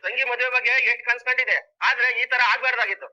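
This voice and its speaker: A fiercely protective older brother, as a man acts him out, hurling forceful threats in a high, bright voice at a rapid clip. The sound is dull and lo-fi, like an amateur dramatized serial retelling. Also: fairly even intonation, full character voice. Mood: angry, scornful.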